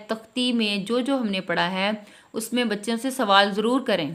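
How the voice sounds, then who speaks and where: A woman teaching a Quran reading lesson from a primer, sounding out letters slowly and syllable by syllable, then explaining patiently and often checking that the listener is following. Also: mid-range voice, a bit bright. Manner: repeats a reassuring "theek hai" to check understanding.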